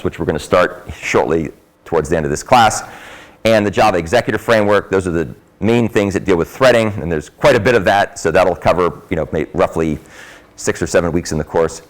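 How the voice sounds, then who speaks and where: A man giving an informal, explanatory university lecture in a classroom, his voice muffled by a face mask, with emphatic stresses. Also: lowish voice.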